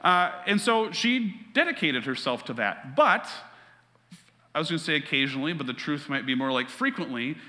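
A man's voice: a little high, expressive, normal speed, pushed and bright, long reverb tail. A man preaching a sermon as pastor, earnest and conversational, weaving a personal story into his teaching.

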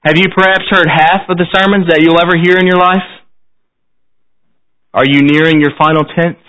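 A man's voice: on the high side, fairly even intonation, normal speed, fairly bright tone. Pastor guy preaching into the pulpit mic, earnest, asks the church lots of questions, kinda muffled recording. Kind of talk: sermon. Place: church service. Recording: dull, slightly lo-fi sound.

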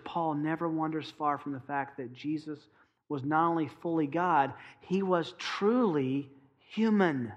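A pastor preaching a sermon, stressing key phrases and asking the congregation pointed rhetorical questions. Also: male voice, a little high, a bit bright.

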